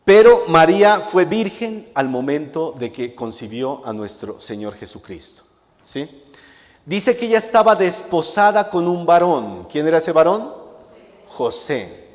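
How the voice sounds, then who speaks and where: Preaching a sermon in a church hall, this pastor leans on rhetorical questions and repeats key words to drive them home. He speaks with a fairly high, very animated voice at a measured pace, and the recording carries long hall reverb.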